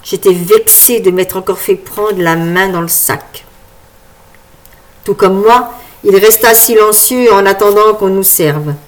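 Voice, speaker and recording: A woman narrates a first-person novel as an audiobook, with lively, wry storytelling. Her voice sits at an ordinary middle pitch. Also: a little slow.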